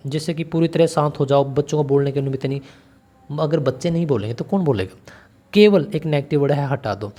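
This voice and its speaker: A male tutor talks through a teacher-exam lesson in a chatty way, often calling the listener brother and throwing questions back at them. His voice sits a little high, with a warm, mellow tone. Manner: conversational, calls the listener brother and asks questions. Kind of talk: online exam-prep lesson.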